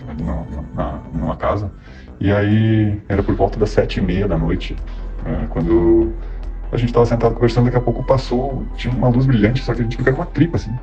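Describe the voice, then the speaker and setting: A man's voice: mid-range voice, steady tone, dark tone, muffled recording. Man speaking through a voice changer. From southern Brazil. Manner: halting, repeats words and restarts. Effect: voice changer disguising his voice. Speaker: eyewitness. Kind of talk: casual eyewitness account. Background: clear background music.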